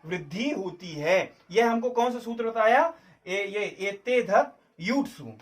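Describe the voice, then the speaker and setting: A man's voice: high-pitched, animated, a little slow, recorded from a distance. A man teaching a Sanskrit grammar lesson for exam prep, explaining step by step and asking and answering his own questions.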